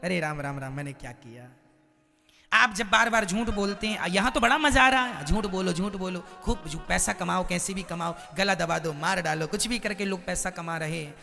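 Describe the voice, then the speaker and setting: Male preacher for a devotional sermon: high, sharp and bright, dramatic storytelling, reverberant hall with soft music. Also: fairly even intonation, normal speed, vocal fry, few pauses. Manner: dramatic storytelling, exhorting the crowd.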